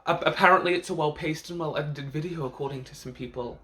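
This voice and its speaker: A man's voice: fairly high pitch, quick pace, sharp tone, a little hiss or hum. A man with the campy, catty manner of a drag queen, giving a casual, sweary reaction vlog with sassy slang and emphatic repetition.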